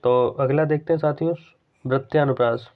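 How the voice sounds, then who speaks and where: Hindi teacher with a tinny phone-like sound. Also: male voice, mid-range voice, steady tone. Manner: explains patiently, repeats key terms, slows to recite examples. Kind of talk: exam-prep grammar lesson.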